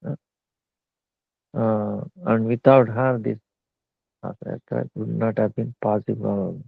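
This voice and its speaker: A man giving a slow devotional discourse, pausing often with fillers. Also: fairly low pitch, fairly even intonation, creaky, slightly rough, no room sound. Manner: slow halting talk with many fillers. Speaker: spiritual teacher. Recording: tinny phone-like line.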